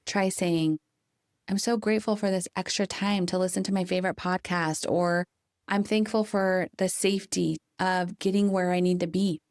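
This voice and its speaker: A woman with a fairly low voice delivers a calm, coaching motivational monologue as a podcast host. She leans on key phrases, slowing down to stress them. The recording is dry and close. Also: dry recording.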